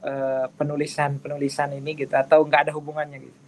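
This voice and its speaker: A man's voice: a little high, monotone, fast talker, a little hiss or hum, poor audio. A man joining an online class from the road on his phone, asking his teacher a question politely and hesitantly. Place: on the road, outdoors or in transit.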